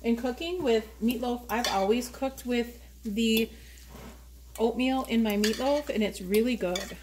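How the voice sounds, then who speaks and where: Chatting her way through a relaxed cooking video in her own kitchen, this American host speaks at a measured pace in a fairly high voice. A camera on a tripod picks her up amid the noise of the home kitchen.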